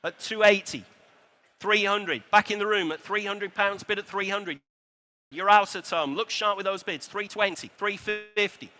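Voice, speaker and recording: A man with a British accent working as an auctioneer, calling a live sale in a brisk chant of repeated bids. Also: sits high, bright, forceful tone.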